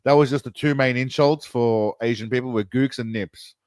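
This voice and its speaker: A man's voice: mid-range voice, normal speed, darkish tone, clean tone, dry recording. A man with an Australian accent hosting a casual livestream, reacting to a video in a laid-back, profane, rambling way. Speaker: host.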